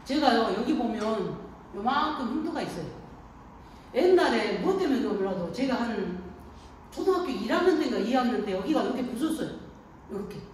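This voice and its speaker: Woman pastor, folksy call-and-response sermon, slightly high voice, distant mic in a reverberant room. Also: very animated, fairly quick, darkish tone. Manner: folksy storytelling, frequent call-and-response questions. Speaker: pastor at an elder care center. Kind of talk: sermon to elderly congregation. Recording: echoey room, distant mic, faint noise.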